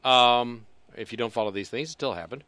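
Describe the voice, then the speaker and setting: Bright, crisp-voiced man chatting about finance. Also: medium pitch, fairly quick, no room sound. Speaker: co-host. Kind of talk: casual financial talk show chat.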